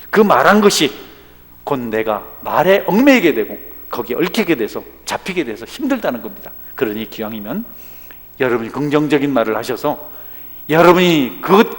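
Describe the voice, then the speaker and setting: A male pastor, preaching a sermon in a church with big swings in loudness. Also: mid-range voice, very animated, fairly quick. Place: church sanctuary. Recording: long hall reverb.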